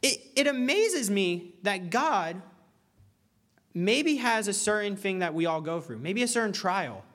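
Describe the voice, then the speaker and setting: A young man preaching a sermon in an earnest, conversational way, rising to loud pleading cries. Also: high voice, sing-song, unhurried.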